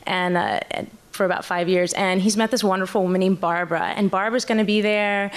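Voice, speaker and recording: A woman telling a personal story live on stage, nervous and halting, often restarting her sentences. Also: medium pitch, fairly even intonation.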